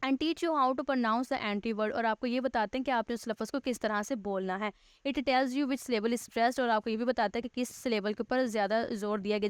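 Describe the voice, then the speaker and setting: A woman teacher, giving a recorded grammar lesson. She reads English text slowly, then patiently explains it step by step, rephrasing points. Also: a little high, smooth, no room sound, clean studio sound.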